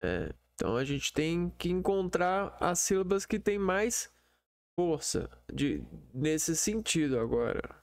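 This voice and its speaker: Slow, gravelly man teaching. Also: a little high, dry recording, studio quality. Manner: slow, hesitant, many fillers. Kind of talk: screen-shared lesson.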